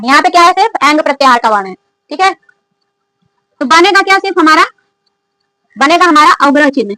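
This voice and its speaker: A woman's voice: high-pitched, sharp tone, no room sound, low-quality recording. A woman teaching a grammar lesson, who keeps asking her viewers questions and then answers them herself. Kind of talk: classroom-style grammar lesson.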